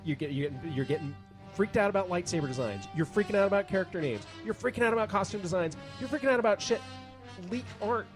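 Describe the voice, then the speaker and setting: A man's voice: high voice, animated, fast talker, music in the background. A man delivering an emphatic, profane comedic rant to his podcast audience.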